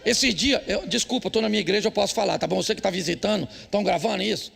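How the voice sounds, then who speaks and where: A pastor with a Brazilian Portuguese accent gives a humorous church sermon, telling stories and bluntly ribbing husbands. He talks rapid-fire in a high, creaky, fairly bright voice, and there's a little hiss or hum in the audio.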